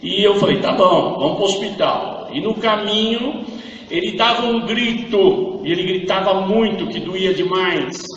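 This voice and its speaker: A man's voice: sits high, unhurried, recorded from a distance, highs cut off, a little hiss or hum. A man with a Brazilian Portuguese accent giving an emotional church testimony, acting out the dialogue as he tells the story. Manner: acts out dialogue, grows louder and impassioned. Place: church hall. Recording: echoey hall, voice from afar.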